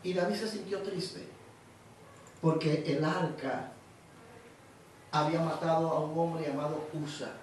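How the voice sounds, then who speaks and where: A Panamanian man preaching a sermon in an animated storytelling way, repeating words as he goes. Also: a little high, measured pace, pauses often, heavy reverb, distant mic, a little hiss or hum, low-quality recording. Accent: Panamanian Spanish.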